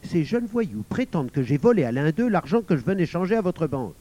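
An obsequious grown-up thief, smarmy and falsely calm, as a male reader voices him. His lively, raised tone protests innocence in a storybook reading. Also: high voice, normal speed, voice pushed up. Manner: obsequious, feigned indifference. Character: smooth, lying adult male thief.

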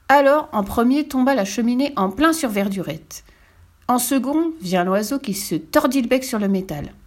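A woman narrating a children's storybook aloud in an expressive, lively reading style. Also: mid-range voice.

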